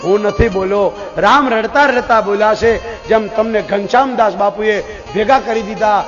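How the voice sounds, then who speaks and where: A man with a high voice delivers a devotional sermon at a temple gathering, telling stories and pleading fervently with his listeners. The recording is dull and lo-fi, with faint music behind him. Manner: fervent, pleading, calls out to the audience. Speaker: preacher leading a scripture recitation.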